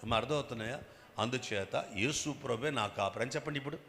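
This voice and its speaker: Gravelly preacher in an echoey church. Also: male voice, mid-range voice, fast. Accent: Telugu. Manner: emphatic, bursts loud then drops soft, prods the crowd with questions. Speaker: bishop preaching. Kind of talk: sermon. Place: church hall with long reverb.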